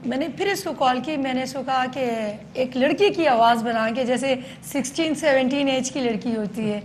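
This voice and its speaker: A woman police station chief giving a news interview, explaining in detail with frequent hesitant pauses. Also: sits high, a little hiss or hum.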